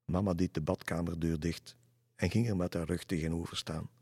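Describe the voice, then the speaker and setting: A man narrating a children's storybook in a calm, measured reading voice, recorded on a close mic. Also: low voice, husky, no room sound.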